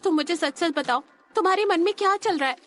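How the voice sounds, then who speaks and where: A man's voice: very high voice, fast talker, a bit bright, no room sound, pitched above the performer's own voice. A man voicing an anxious young woman who fires off questions in a pleading tone.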